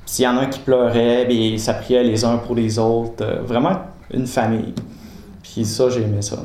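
A man with a Quebec French accent tells a personal story in a relaxed, animated way. He laughs often and acts out what others said. His voice sits at a middle pitch, with a roomy echo and a faint room hum behind it. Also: normal speed. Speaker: guest giving a testimony. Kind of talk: casual storytelling.

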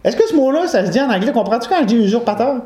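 A man preaching in a loose, conversational way, his voice sitting notably high for a man. He wanders into jokes and corrects himself as he goes. The sound is roomy and echoey, as in a hall. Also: expressive, very fast, mellow. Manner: conversational, digresses with humor and self-correction. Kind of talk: informal sermon to a live congregation. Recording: roomy echo.

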